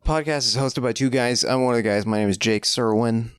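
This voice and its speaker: In a casual podcast chat, the co-host jokes and wanders into rambling side topics. He talks a little fast at medium pitch, with a clean tone, no room sound, and clean studio sound.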